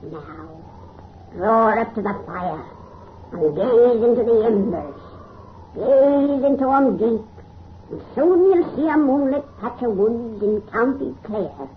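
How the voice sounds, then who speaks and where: A woman's voice: fairly high pitch, lively intonation, slow pace. A woman playing a gleefully sinister, cackling 117-year-old witch who tells horror stories in folksy rustic speech on 1930s radio. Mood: sly, macabre. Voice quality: cracked, cackling old crone voice. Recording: noisy, muffled old radio recording.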